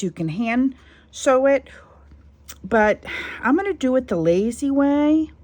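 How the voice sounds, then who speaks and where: A woman's voice: mid-range voice, a little mellow. A middle-aged woman chatting casually as she walks through a sewing craft project, rambling and poking fun at herself. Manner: chatty, self-deprecating, rambling asides. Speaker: craft channel host. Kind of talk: casual crafting tutorial chat.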